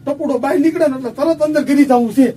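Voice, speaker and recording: A man's voice: very high voice, steady tone, very fast, mellow, recorded from a distance, slight background noise. A man playing a scheming, bossy village plotter in a comedy skit, with a pushy, coaxing way of talking. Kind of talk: amateur comedy film acting.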